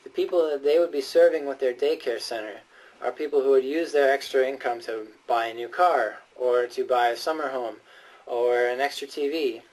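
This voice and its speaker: A man gives a prepared, persuasive speech that feels like a sermon, earnest and emphatic yet often hesitant. His voice is mid-range with a darkish tone at a moderate pace, and he sounds distant from the microphone.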